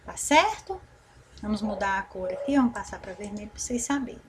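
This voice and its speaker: A Brazilian woman teaching a recorded grammar lesson, repeating and stretching syllables slowly and checking in with the class often. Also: medium pitch, animated, a little hiss or hum. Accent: Brazilian Portuguese. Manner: slow, drawn-out repetition of syllables, frequent "né?" and "tá certo?" check-ins.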